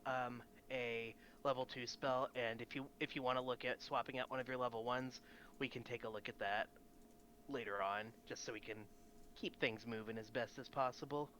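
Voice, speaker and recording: Bright-voiced man running a tabletop game. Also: mid-range voice, a little hiss or hum. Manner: patient, explains rules and keeps the game moving. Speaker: game master. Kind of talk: casual tabletop game talk.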